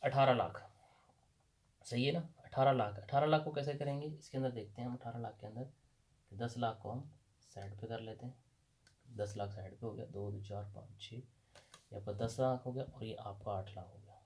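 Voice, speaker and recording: A man with a Pakistani Urdu accent teaches a recorded lesson, walking through his examples step by step. He keeps asking the class a question and then answers it himself, repeating each point. His voice sits at an ordinary middle pitch. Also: steady tone, normal speed, darkish tone. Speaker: language teacher. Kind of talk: explaining a lesson at a board.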